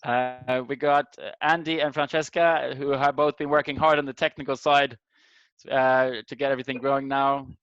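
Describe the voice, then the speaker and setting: The voice is mid-range and a bit bright, with little pitch movement and a moderate pace, and there's no room sound. It belongs to a middle-aged man from Sweden informally hosting an online group meeting who gropes for words as he greets and introduces people, all through dull, lo-fi video call audio from a call microphone.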